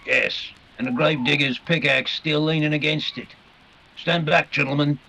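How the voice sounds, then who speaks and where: A man playing Inspector Lestrade, a gruff, determined, plain-spoken policeman in 1940s radio mystery style. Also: fairly high pitch, fairly even intonation, normal speed, bright, forceful tone, heavily acted. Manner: blunt, colloquial working-class speech. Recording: dull, clearly noisy live recording.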